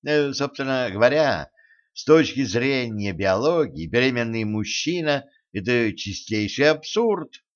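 A man voicing a calm, tactful male doctor who speaks in a slow, measured, hesitant way, in a dull lo-fi recording. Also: medium pitch, lightly acted. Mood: soothing, pondering.

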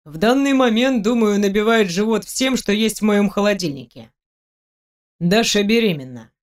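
A woman's voice: mid-range voice, animated, normal speed, lightly acted. A woman reading an audiobook, voicing a stubborn young man who answers with sarcasm and defiance. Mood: defiant.

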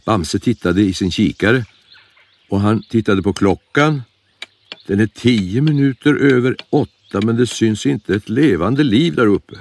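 A man narrating a children's storybook in an animated, expressive way. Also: fairly low pitch.

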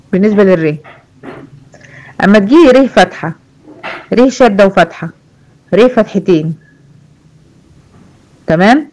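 A woman with an Egyptian accent teaching a Quran recitation lesson to girls. She explains the rules slowly, repeats examples and checks that her students follow. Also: medium pitch, poor audio. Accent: Egyptian Arabic. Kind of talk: online tajweed lesson.

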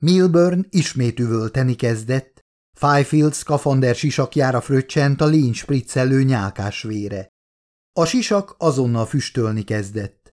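Guy narrating his own audiobook, steady measured reading, mid pitch.

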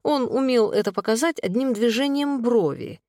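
A woman narrating an audiobook in an even, measured reading. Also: fairly high pitch, no echo, clean studio sound. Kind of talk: scripted narration.

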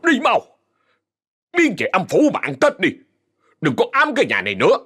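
A man's voice: fairly high pitch, wildly swooping pitch, very fast, breathy edge, voice pushed up, exaggerated voice. Man doing an angry old villager. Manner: shouting, scolding.

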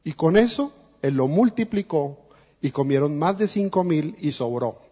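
A man's voice: a little high, lively intonation, moderate pace, mellow, slightly rough. A man with a Colombian accent preaching a sermon as a guest preacher, speaking earnestly and directly to the congregation. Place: church. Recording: dull lo-fi recording in a reverberant church.

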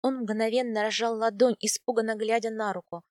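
A woman reading a first-person audiobook with expressive, emotional storytelling. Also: fairly high pitch, brisk, no room sound, clean studio sound. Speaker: audiobook narrator.

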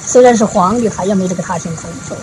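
A woman giving a Buddhist dharma talk, retelling a parable in a folksy storytelling way, with frequent drawn-out filler particles. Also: medium pitch, a little mellow, a little hiss or hum, poor audio. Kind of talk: storytelling sermon.

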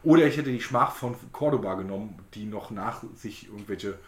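A man's voice: on the low side, brisk. A man hosting a podcast in casual chat, rambling and joking as he goes. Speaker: podcast host. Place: indoor room at a table. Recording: roomy echo, faint background noise.

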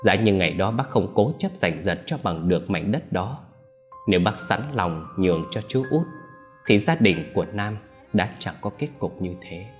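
A man's voice: sits low, expressive, normal speed. A man narrating a story in a solemn, scripted storytelling manner. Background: faint music.

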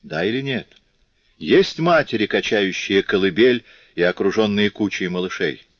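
A man's voice: lowish voice, expressive, moderate pace, dry recording. A man voicing a compassionate male revolutionary who earnestly pleads with his comrades, in a dull, lo-fi recording. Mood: pleading.

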